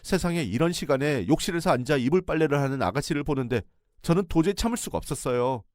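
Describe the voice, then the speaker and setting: A man's voice: a little high, lively intonation, fast talker, a little mellow, no echo, studio quality. A man narrating a radio drama story in the first person, with dramatic storytelling.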